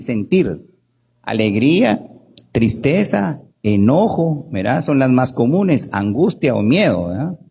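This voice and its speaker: A male doctor with a husky, mid-range voice gives a lively workshop talk in Guatemalan Spanish. He often asks "¿verdad?" and acts out the people he quotes.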